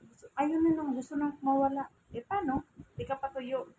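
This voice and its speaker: A woman's voice: high-pitched, steady tone, normal speed, warm tone, slight background noise, poor audio. A woman with a Filipino accent talking to her pet in teasing, cooing baby talk while drying it. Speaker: pet owner vlogger. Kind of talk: casual chat to her cat while drying it. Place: home, by a fan.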